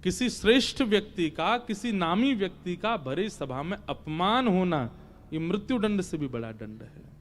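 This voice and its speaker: High-voiced preacher telling a devotional story. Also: male voice, unhurried, slight background noise. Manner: animated, acts out dialogue in voices.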